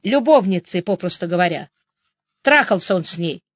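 A woman's voice: fairly low pitch, animated, normal speed, no room sound. A woman narrator voicing a gloomy, terse male police major who speaks bluntly. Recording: dry, slightly dull audiobook recording.

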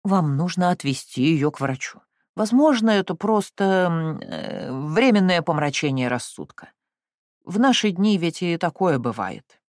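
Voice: mid-range voice, sing-song, a little slow, no echo, studio quality. A reader voicing a nervous, sympathetic grey-haired uncle who hesitates over his words in an audiobook. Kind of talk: audiobook reading.

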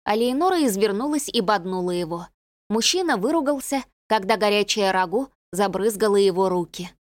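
A woman narrating an audiobook in a measured, even reading. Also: medium pitch, no room sound, clean studio sound. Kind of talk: scripted narration.

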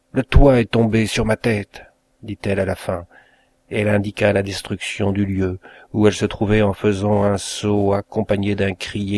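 A man reading a classic novel aloud, in a measured and expressive narration. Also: fairly low pitch. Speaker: audiobook reader. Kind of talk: scripted narration.

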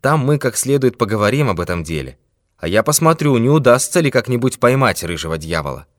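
A man's voice: mid-range voice, big pitch swings, fairly quick, dry recording, clean studio sound, pitched above the performer's own voice, natural voice. A man voicing a great detective who is stern but patient with a client. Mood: firm. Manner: firm, exasperated.

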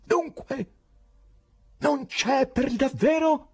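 A man voicing a strange foreign professor who is secretly the devil, with a husky, theatrical manner and sudden shrill outbursts. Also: huge pitch swings, unhurried, darkish tone, exaggerated voice. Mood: shouting.

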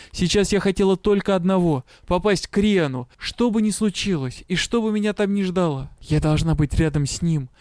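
A male reader narrates a first-person fantasy story with emotional, intimate delivery. His voice is smooth and mellow and sits slightly high. The sound is dry and close to the mic. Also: dry recording. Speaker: audiobook reader.

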